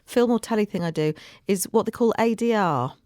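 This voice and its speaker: A woman's voice: mid-range voice, a little fast, mellow, dry recording, studio quality. A woman vocal coach talking frankly and wryly in a casual interview, with theatrical flair.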